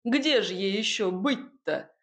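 A woman's voice: medium pitch, animated, slow pace. Woman doing a mocking unfaithful husband. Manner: mocking, placating.

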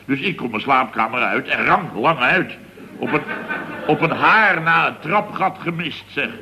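A stammering, grumbling sad sack. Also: male voice, on the high side, expressive, measured pace, crowd noise. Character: grumbling, put-upon man retelling a mishap. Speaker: worker at a building firm. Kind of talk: 1960s radio comedy sketch.

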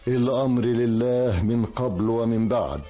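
A man's voice: mid-range voice, normal speed, dark tone, muffled recording, faint music behind, close to an everyday voice. A man playing a protective, devout merchant father with an Egyptian accent in a radio drama. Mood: worried, reluctant.

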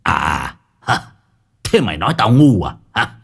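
A man's voice: on the low side, very animated, a little slow, vocal fry, slightly rough, heavily acted. A man doing a snarling, cursing village tyrant. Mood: sneering. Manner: snarling, cursing, yelling threats. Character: cruel greedy old village mandarin, bully.

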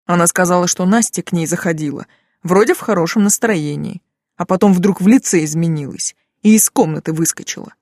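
A man narrating an audiobook in the first person, in a brisk, conversational way. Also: sits high, a little mellow, dry recording, clean studio sound.

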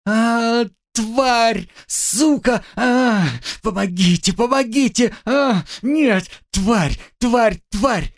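A frightened young woman, high and frantic, begging in a thin, shrill voice, performed by a male storyteller. Her words leap up sharply in pitch with raw desperation. The delivery is lively and full of swings. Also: takes it slowly. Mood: screaming. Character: terrified young female student captive, pleading and screaming.

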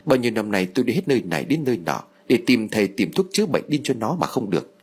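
A man's voice: lowish voice, sing-song, fast talker, a little mellow, husky. A man voicing a distraught older mother. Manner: tearful, pleading outbursts. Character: grief-stricken older mother, wailing and blaming.

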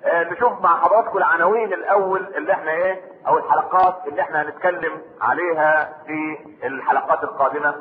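A fairly high-pitched male preacher with an Egyptian Arabic accent, delivering a religious lecture that moves between formal Arabic and colloquial speech. He keeps throwing rhetorical questions at his listeners and breaks into prayer between points. The recording is thin and phone-like, with a long reverb tail. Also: racing, a little hiss or hum. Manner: prays aloud between points.

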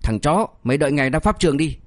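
A man's voice: fairly high pitch, lively intonation, very fast, no echo, close to an everyday voice. A man voicing a blunt, threatening young boss who mocks and scolds in an audiobook story. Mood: menacing. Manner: harsh, threatening, mocking. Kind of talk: audiobook character voice.

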